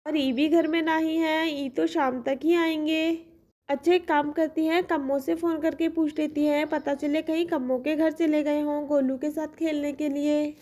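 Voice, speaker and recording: A woman's voice: high voice, flat delivery, moderate pace, a little mellow, natural voice. A woman voicing a kind, fussy village mother in a cartoon, speaking. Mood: fussing. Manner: fussy, chatty.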